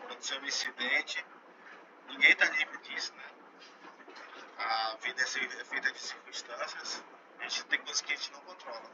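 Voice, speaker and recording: A man teaching a math class in a classroom, in a loose, chatty way, with many tag questions, slowing down to stress key phrases. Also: medium pitch. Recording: dull lo-fi classroom recording with faint noise.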